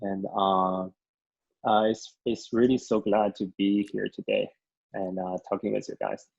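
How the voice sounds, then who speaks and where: A young man from China speaks with a Chinese accent and a flat, gravelly low voice. He answers a podcast interviewer haltingly, full of filler sounds, over a dull, lo-fi microphone. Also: no room sound. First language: Mandarin. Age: young adult. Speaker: guest.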